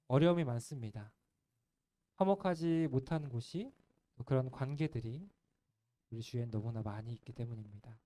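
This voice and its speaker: A male pastor preaching a sermon in an earnest, gentle way, letting the ends of his phrases fall soft. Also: a little high. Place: church sanctuary.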